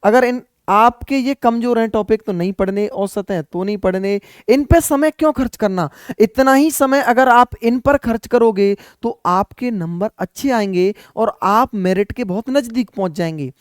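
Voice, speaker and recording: A man's voice: high-pitched, normal speed, few pauses, smooth, no room sound, studio quality. A man, giving earnest, repetitive study advice as an exam coaching teacher.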